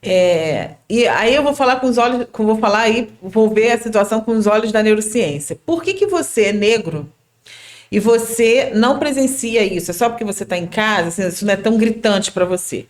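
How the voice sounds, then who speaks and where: High-voiced Brazilian woman explaining earnestly. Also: a little fast. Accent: Brazilian Portuguese. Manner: earnest and explanatory, checks if she is understood. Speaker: podcast guest. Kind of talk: casual explanatory chat.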